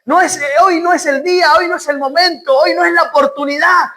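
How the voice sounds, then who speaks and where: A woman preacher with an Argentine accent voicing a dismissive crowd that hushes and scolds a beggar. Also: extremely high pitch, fairly even intonation, a little fast, pitched above the performer's own voice. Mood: scolding. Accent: Argentine Spanish. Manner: dismissive, sharp hushing, shouting.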